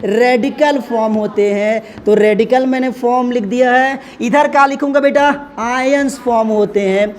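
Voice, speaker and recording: A man's voice: very high voice, a little hiss or hum. A male chemistry teacher gives a classroom lecture at the board, explaining step by step and addressing students affectionately.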